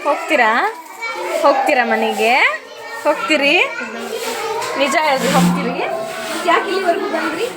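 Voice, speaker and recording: A woman's voice: sits high, expressive, normal speed, pauses often, very noisy. A woman teacher with a North Karnataka Kannada accent, teasing children in a classroom with playful mock-scolding. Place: school classroom.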